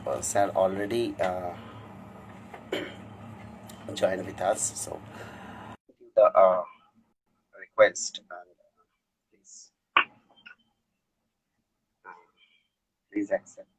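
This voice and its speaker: A young man hosting a live online interview, effusive and halting, mixing English and Hindi with many hesitations. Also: low-pitched, flat delivery, breathy edge. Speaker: interview host.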